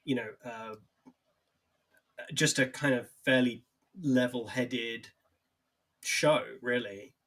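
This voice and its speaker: A man on a podcast, offering measured, thoughtful points about a film in casual conversation. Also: medium pitch, fairly even intonation, fairly bright tone. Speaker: podcast co-host.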